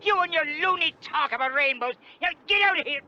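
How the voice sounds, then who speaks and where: An actor playing a cranky, exasperated prospector with a wailing delivery in a vintage TV western. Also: male voice, very high voice, lively intonation, slow, pushed and bright, breathy edge, full character voice. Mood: furious. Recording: dull vintage TV soundtrack with music.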